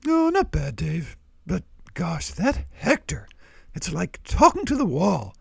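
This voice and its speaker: A man voicing a friendly, curious male cow who talks in an excitable, gushing way. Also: high-pitched, slow pace, vocal fry, husky, dry recording, clean studio sound, pitched above the performer's own voice, heavily acted. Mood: complaining. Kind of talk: puppet-style kids' Bible show banter.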